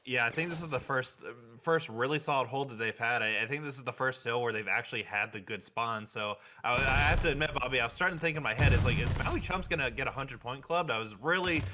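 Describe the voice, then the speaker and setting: Male color commentator, hesitant, restarts often, noticeable background noise. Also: mid-range voice. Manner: halting, many restarts and fillers.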